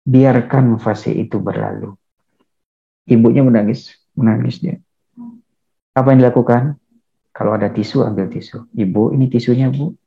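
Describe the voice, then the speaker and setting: A man lecturing on counseling, calm and measured, acting out what counselor and client say. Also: mid-range voice, vocal fry. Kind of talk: lecture with acted counseling examples. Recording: dull lo-fi recording.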